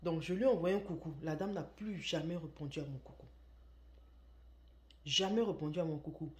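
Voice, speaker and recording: A woman's voice: deep voice, normal speed. A woman who runs an online shop, telling a story in a casual, emphatic way and repeating words for stress. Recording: echoey room.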